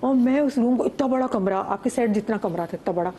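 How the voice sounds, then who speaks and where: A middle-aged woman, a guest on a morning talk show, telling a story of a frightening experience in an animated, vivid way. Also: on the high side, brisk, slight background noise. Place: TV studio set.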